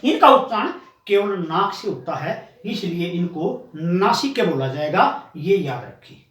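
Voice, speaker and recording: A man's voice: high voice, animated, unhurried, fairly bright tone, reverberant, recorded from a distance. A male coaching teacher giving a classroom lesson, patiently explaining step by step and sounding out items one by one.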